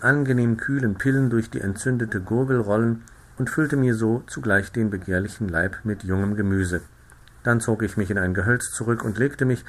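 Ein Mann liest eine klassische Erzählung lebendig und ausdrucksvoll als Hörbuch vor. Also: male voice, medium pitch. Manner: lively, expressive storytelling. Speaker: audiobook reader. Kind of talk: literary audiobook narration.

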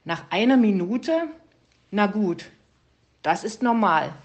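In a medium-pitched voice with lively intonation, a woman slowly reads a storybook aloud, playing a persnickety, learned male raven whose sentences close with a croaking "Kra."

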